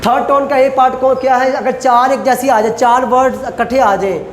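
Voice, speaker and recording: A man teaching a class, explaining rules step by step and slowly repeating example phrases. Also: extremely high pitch, steady tone. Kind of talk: classroom lecture. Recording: echoey lecture hall with faint noise.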